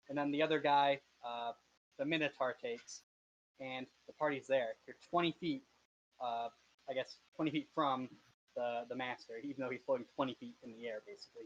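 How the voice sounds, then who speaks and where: A man's voice: mid-range voice, fairly even intonation, moderate pace. A man running an online tabletop game as game master, explaining the scene with hesitant fillers. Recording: dull lo-fi mic.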